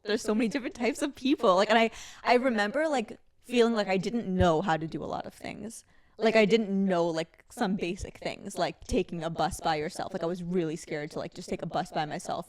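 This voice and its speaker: Chatty woman co-host, low voice, dry sound. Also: a little mellow, dry recording. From India. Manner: reflective, chatty, many fillers. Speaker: podcast co-host. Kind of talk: casual conversation.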